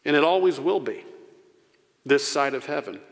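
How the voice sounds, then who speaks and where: Middle-aged pastor at a pulpit microphone. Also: male voice, on the high side, expressive, gravelly. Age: 40s. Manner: earnest, slowing down to stress key phrases. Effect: preaching into a pulpit microphone. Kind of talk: sermon. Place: church sanctuary. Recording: long church reverb.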